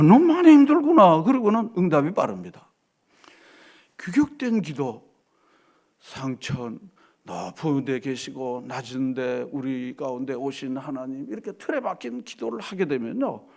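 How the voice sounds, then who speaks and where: A middle-aged male pastor preaching a Sunday sermon in a church, swinging from animated delivery to soft asides and acted quotes. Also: high voice, vocal fry. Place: church sanctuary.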